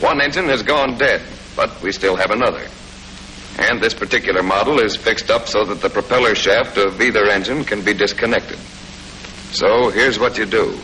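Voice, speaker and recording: A fairly low-pitched American man, bright and forceful at a moderate pace, delivers scripted, straightforward instruction with folksy touches. The style recalls a 1940s military training film narrator, captured on a noisy old film soundtrack.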